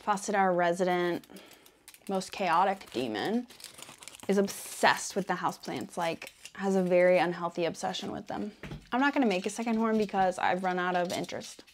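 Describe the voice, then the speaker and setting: A woman playing a quirky female devil in an ASMR role-play, talking in a playful, deadpan ramble with frequent self-interruptions. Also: fairly low pitch, normal speed, slight background noise, natural voice. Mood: rambling, exasperated. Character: quirky female devil welcoming a newcomer to hell.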